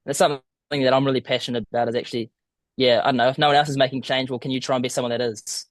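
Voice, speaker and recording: A man's voice: medium pitch, flat delivery, racing, no room sound. A young man with a broad southern New Zealand accent, chatting informally and a little hesitantly as an interview guest. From small town in southern New Zealand. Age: young adult. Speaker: podcast guest, student abroad. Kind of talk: casual interview.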